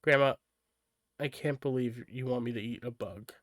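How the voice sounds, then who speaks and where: A man's voice: medium pitch, moderate pace, dry recording, clean studio sound, close to an everyday voice. A man reading aloud and voicing a stubborn, feisty young girl who talks bluntly and with sass. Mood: blunt sassy. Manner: blunt, sassy, exasperated.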